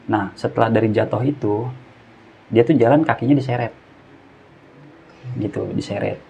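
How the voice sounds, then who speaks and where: A man's voice: on the low side, normal speed, creaky, dark tone. A man telling a story in casual slang and acting out the dialogue. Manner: slangy Jakarta-style speech, acts out dialogue. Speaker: guest storyteller. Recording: muffled lo-fi with faint hiss.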